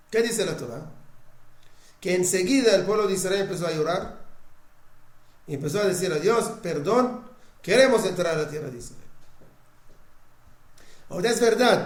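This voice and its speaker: A man's voice: sits high, darkish tone, roomy sound. A man giving a lecture on Torah, often checking that his listeners follow and repeating words as he restarts. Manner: checks understanding often with short questions. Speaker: religion teacher.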